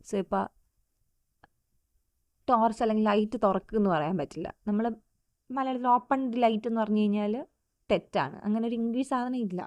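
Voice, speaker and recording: A woman with a Malayali accent teaches a lecture, switching between Malayalam and English. She reads English definitions out slowly and deliberately. The sound is dry and close, with no room around it. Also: medium pitch, darkish tone, no echo.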